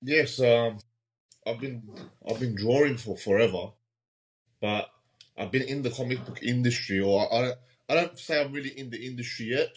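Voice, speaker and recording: A man's voice: medium pitch, normal speed, poor audio. A man, a guest in a casual interview, talking thoughtfully with many ums and repeated words. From Australia. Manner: thoughtful, hesitant, repeats words and says um often. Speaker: guest comic artist.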